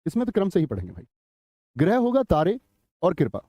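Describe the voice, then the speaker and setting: A man's voice: sits high, wildly swooping pitch, a little fast, dark tone, no echo. A middle-aged man teaching a live online grammar class, chatty, telling anecdotes and quizzing students.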